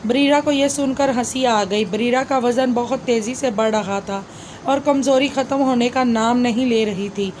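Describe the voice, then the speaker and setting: Woman narrating a spooky story, high voice, faint hiss under it. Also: normal speed, darkish tone.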